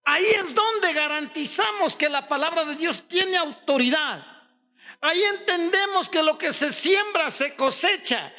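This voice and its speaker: A pastor from Ecuador preaching a sermon, firing rhetorical questions at the congregation and rising to shouts on key points. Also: male voice, very high voice, lively intonation, unhurried.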